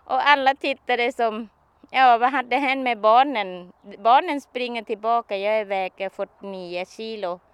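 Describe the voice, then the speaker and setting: A woman being interviewed, recounting a personal experience in halting, simple sentences with frequent restarts. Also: fairly high pitch, clear, resonant tone, no room sound.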